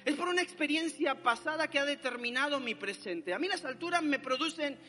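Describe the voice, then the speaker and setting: A man's voice: very high-pitched, animated, a little fast, pushed and bright, in a large hall. A young man, animatedly telling a dramatic personal testimony. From Argentina.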